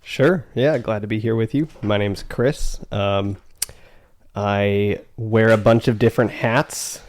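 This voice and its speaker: A man's voice: on the low side, slow, darkish tone. A middle-aged man, an interview guest, telling anecdotes and answering in a casual conversational style. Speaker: guest, adjunct English literature professor.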